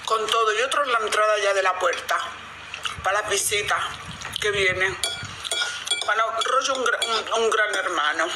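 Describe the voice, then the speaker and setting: A middle-aged Andalusian woman hosts a casual livestream, chewing as she talks. Clear noise sits behind her voice, as recorded on a phone indoors at home. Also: medium pitch, moderate pace, pauses often. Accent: Andalusian Spanish. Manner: chewing while talking, eating spaghetti. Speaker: livestream host. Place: home dining area, indoors. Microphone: phone at arm's length.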